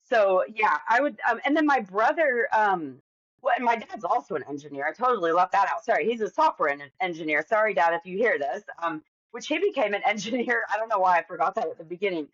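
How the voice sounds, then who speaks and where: A woman's voice: medium pitch, animated, fast, no room sound, lo-fi sound. A woman in her forties, talking candidly and at length as a podcast guest, with lots of fillers and restarts. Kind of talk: casual interview conversation.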